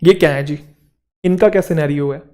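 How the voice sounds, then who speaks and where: A man's voice: a little high, fairly quick, mellow. A man, teaching an English vocabulary lesson for exam students in Hindi mixed with English words, checking that his students follow along.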